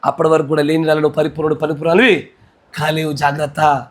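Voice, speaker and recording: A high-pitched man with a Telugu accent preaches a sermon. His delivery is fervent, and it moves between loud, shouted exclamations and quieter, intense speech. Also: flat delivery, quick pace, noisy background. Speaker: pastor.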